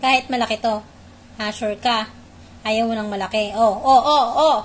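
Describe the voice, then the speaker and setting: High-pitched woman coaxing her dog. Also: fairly even intonation, moderate pace, slight background noise. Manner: coaxing, repeats short commands. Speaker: pet owner. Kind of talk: playful talk to a dog.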